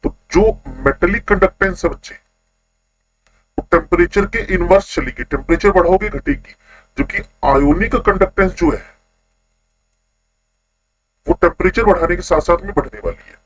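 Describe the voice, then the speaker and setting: A man teaching a chemistry class online, constantly quizzing his students with quick questions. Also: high voice, breathy edge, poor audio.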